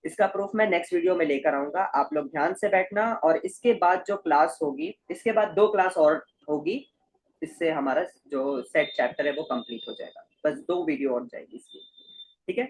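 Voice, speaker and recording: A man's voice: on the high side, normal speed, low-quality recording. A man teaching a math class, explaining step by step and checking often that the students follow. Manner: repeats check-in questions to students. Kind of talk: explaining a lesson. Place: recorded at a screen with slides.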